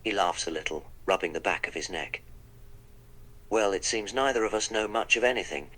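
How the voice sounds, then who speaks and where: A man's voice: sits low, normal speed, fairly bright tone, slight background noise, poor audio. A man voicing the Doctor, a wry, polite eccentric time traveller, in a text-to-speech role-play that narrates his own actions.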